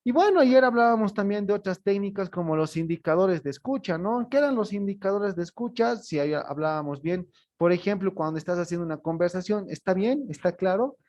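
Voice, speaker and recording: A man's voice: high voice, expressive, brisk, a little mellow, muffled recording. A male teacher giving a class on customer service, explaining step by step and ending his phrases with tag questions. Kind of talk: online class lecture.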